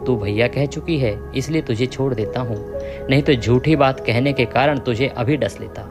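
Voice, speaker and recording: Brief: male narrator doing a serpent-brother in a devotional tale, gruff at first and then warm, mid pitch, music bed. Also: normal speed, lightly acted. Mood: stern. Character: serpent who becomes a protective brother, male, stern but kind.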